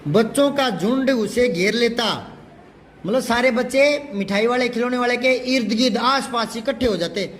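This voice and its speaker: Man, teacher, very high voice, keeps checking the class understands, booming room, distant mic. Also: moderate pace. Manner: questioning, keeps checking pupils follow. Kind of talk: classroom lesson on a Hindi story. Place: classroom with a board. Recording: echoey room, far from mic, background noise.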